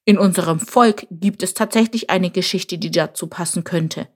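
A woman's voice: fairly low pitch, normal speed, close to an everyday voice. A woman voicing a small, clever male jackal who tells tales in a knowing, slightly scornful way. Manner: knowing, leisurely storyteller.

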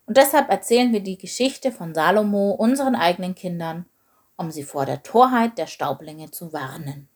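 Lady reading a kids bible story out loud, steady and clear. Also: fairly low pitch, normal speed. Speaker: narrator.

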